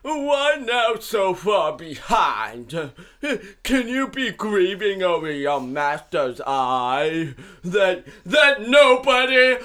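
A howling, one-eyed giant , voiced by a man, hurls curses and threats from his cave. His voice rides high and swings wildly up and down, bright and cutting, and he drags his words out very slowly. It is an amateur stage reading. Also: exaggerated voice. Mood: furious. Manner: bellowing threats and wailing curses. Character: huge one-eyed male giant, blinded and raging.

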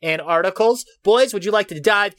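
A man hosting a casual movie podcast, playful and jokey, rattling off release details quickly. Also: high-pitched, a bit bright. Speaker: podcast host.

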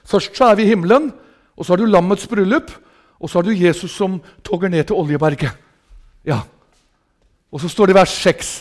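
Man, Østfold accent, high voice, revival preacher, fervent, loud hallelujahs then quiet asides. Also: long pauses. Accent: Østfold Norwegian. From southern Norway. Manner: fervent, shouting hallelujahs, swings from loud to soft. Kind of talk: revival sermon. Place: meeting hall with a congregation.

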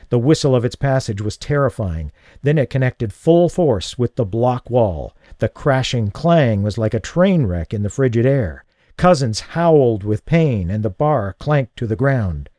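A man giving a dramatic audiobook narration of a thriller, measured and slowing for tense beats. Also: medium pitch, mellow, dry recording, clean studio sound. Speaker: audiobook reader.

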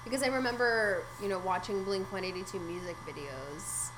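Relaxed young woman from Hungary. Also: mid-range voice, a little fast. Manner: relaxed storytelling with many likes and ums. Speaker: music event organizer, guest. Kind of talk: casual interview answers. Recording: noisy ambience behind.

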